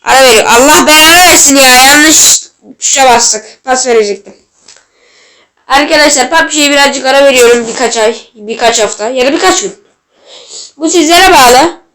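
A woman with a high, bright voice commentates her own gameplay. She is excitable and bursts into yells at the referee and the keeper. She sounds a little ill. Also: moderate pace. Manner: excitable, shouts at the game and referee. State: slightly ill. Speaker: gaming channel host.

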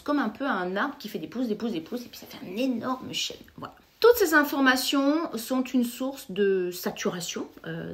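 A middle-aged French woman, a psychotherapist, hosting an emphatic direct-to-camera explainer and addressing viewers directly. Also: fairly high pitch. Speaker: psychotherapist and YouTube host.

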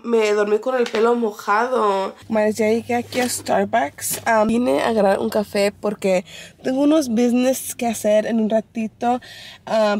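A young woman vlogging casually, chatty and excitable, switching between Spanish and English. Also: fairly high pitch. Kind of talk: casual vlog chat.

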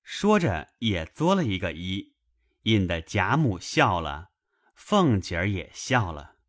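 A man narrating a classic novel aloud in a measured, expressive storytelling manner. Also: deep voice, dry recording, studio quality.

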